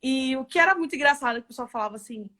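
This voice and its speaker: Woman, guest speaker, animated storytelling, fairly high voice, live interview chat. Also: racing. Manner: lively storytelling with frequent tag questions. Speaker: guest, e-commerce executive.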